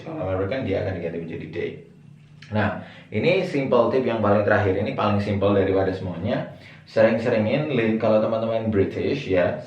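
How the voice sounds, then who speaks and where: A man teaching pronunciation in a casual online lesson, chatty, repeating example words slowly. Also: low-pitched, darkish tone. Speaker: English teacher. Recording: echoey room, mic far off, dull sound.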